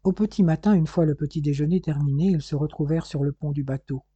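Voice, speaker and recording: Husky man narrating an audiobook. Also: fairly high pitch, quick pace, dark tone, no room sound, lo-fi sound. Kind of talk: scripted narration.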